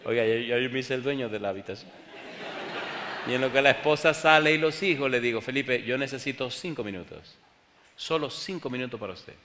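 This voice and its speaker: A man preaching a sermon, telling a story with sudden shouts and hushed asides, speaking to his congregation. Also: mid-range voice, fast. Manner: dramatic, swings from loud cries to hushed tones, addresses congregation. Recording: echoey hall with faint noise.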